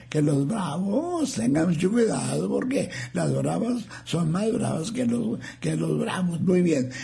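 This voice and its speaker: Older radio host, slow and gravelly. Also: male voice, high-pitched, dark tone. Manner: folksy, joking, slow and drawn out. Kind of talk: reading listener messages on live radio.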